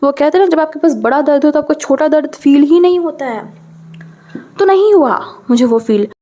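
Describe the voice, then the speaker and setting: A young woman sits and tells her own story in a high, bright-sounding voice. She speaks casually and animatedly, jumping up in pitch at dramatic moments. Her delivery is chatty and full of quick asides to the listener. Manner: chatty, mixes in English phrases, keeps saying "okay"; animated, with sudden pitch jumps. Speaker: storytime vlogger.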